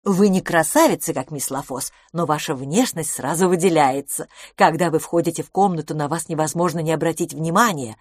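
A woman reading the part of a shy, flustered governess in an audiobook, speaking hesitantly and softly. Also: low voice, a little fast, hardly any pauses, no echo, studio quality. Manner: hesitant, breathless, faltering. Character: timid, flustered middle-aged governess.

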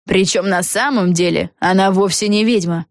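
Woman reading as a scheming witch boss, slow and commanding, mid pitch, dry audio. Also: dry recording, natural voice. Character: scheming witch girl leader, gloating ringleader.

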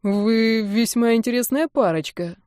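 A woman voicing a languid, sarcastic young man who speaks slowly in an audiobook. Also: on the high side, a little mellow, no echo, studio quality, close to an everyday voice. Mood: smug. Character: lazy, smug young man.

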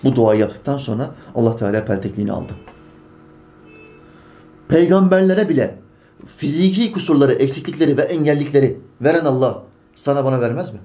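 A man's voice: mid-range voice, animated, a little fast, long pauses, mellow. A man preaching a sermon, emphatic and full of rhetorical questions to his congregation.

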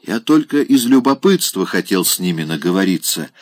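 A man's voice: deep voice, sing-song, moderate pace, dry recording. A man voicing a talkative, opinionated landowner who holds forth at length, in an audiobook reading. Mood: holding forth. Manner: holding forth, self-satisfied.

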